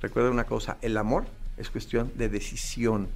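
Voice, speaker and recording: Gravelly-voiced parenting coach. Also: male voice, medium pitch, little pitch movement, moderate pace, darkish tone. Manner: earnest, coaching, addresses listener directly. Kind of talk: advice talk.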